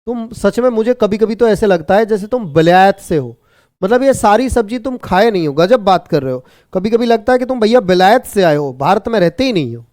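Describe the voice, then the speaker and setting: High-voiced brisk man teaching a class. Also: animated, darkish tone, no room sound, clean studio sound. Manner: brisk, repetitive and teasing, scolds students jokingly. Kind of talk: online exam-prep class.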